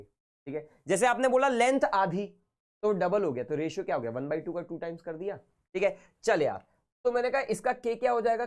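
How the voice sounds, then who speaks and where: A man with a sore, hoarse throat teaching physics in a casual, chatty live online class. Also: high voice. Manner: casual, chatty, talks to students informally.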